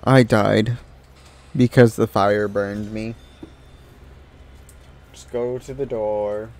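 A man's voice: on the low side, fairly even intonation, slow pace, a little mellow. A man casually chatting and joking while playing a game on stream. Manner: laid-back, joking. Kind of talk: casual gameplay chat.

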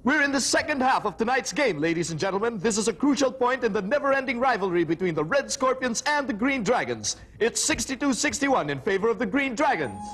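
A man playing an excited radio sports commentator with a husky voice, calling a game. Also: extremely high pitch, brisk, few pauses, full character voice, rough recording.

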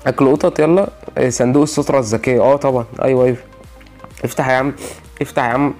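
A man's voice: medium pitch, steady tone, racing, darkish tone, soft background music. A young man with an Egyptian Arabic accent giving gaming commentary, exasperated, repeating himself and pleading with the game as he opens loot boxes. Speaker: gaming channel host.

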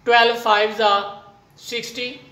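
A maths teacher with a Pakistani accent giving a whiteboard lesson in halting, piecemeal phrases, voice of unclear sex. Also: medium pitch, little pitch movement, pushed and bright. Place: indoors at a whiteboard. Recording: echoey room.

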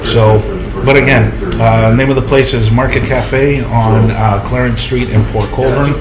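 A man's voice: medium pitch, steady tone, unhurried, reverberant, a loud crowd. A man in his forties co-hosting a casual breakfast review in a small cafe, talking into a phone camera with many ums and restarts. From Canada. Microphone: phone camera at arm's length.

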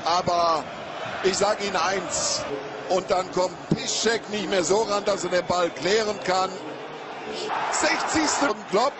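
Male TV football commentator in the German style, high voice, unhurried delivery, emphatic, over loud stadium noise. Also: steady tone, a loud crowd. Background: loud football stadium ambience.

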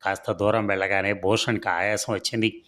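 A man reading a serialized story aloud in a steady, even storytelling manner. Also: on the low side, fairly quick.

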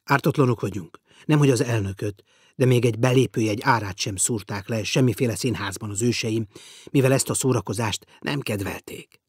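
A man's voice: mid-range voice, breathy edge, no room sound, close to an everyday voice. A man voicing a sardonic gray-haired self-declared dead man. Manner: dry, sarcastic, demanding. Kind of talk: audiobook character voice.

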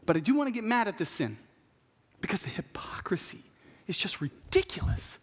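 A young man preaching a passionate, animated sermon from a church pulpit, acting out what people say. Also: high voice, fairly quick, husky, in a whisper. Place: large church stage at a pulpit. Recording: long reverb of a large hall.

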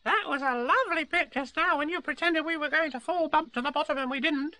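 A man voicing a small, eager young kangaroo in a squeaky childlike voice, for a storybook reading. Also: fairly quick, bright, forceful tone, full character voice. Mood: hopeful. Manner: eager, breathless questioning.

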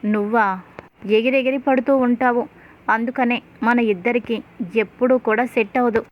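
A woman's voice: fairly high pitch, steady tone, moderate pace, lightly acted. Woman reading a proud young husband. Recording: tinny phone-like sound.

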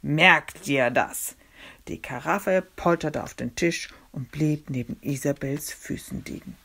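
A woman reading a children's book aloud with expressive, dramatic storytelling. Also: sits low, a little slow, creaky, breathy edge. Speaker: storybook reader.

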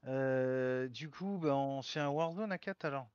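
A man's voice: mid-range voice, unhurried, darkish tone, clean tone, no echo, lo-fi sound. A man chatting casually with his gaming squad, teasing and joking in loose banter. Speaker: gamer in a voice-chat squad.

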